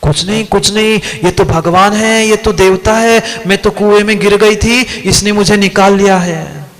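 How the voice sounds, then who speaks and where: A man's voice: high-pitched, steady tone, unhurried, fairly bright tone. A man voicing a cunning young village woman who carries water, pleading dramatically in a raised voice.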